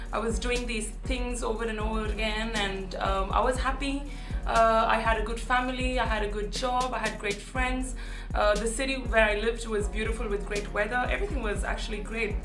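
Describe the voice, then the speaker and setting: A woman from southern India speaking in a measured, reflective way in a documentary interview. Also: on the high side. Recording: echoey room with music bed.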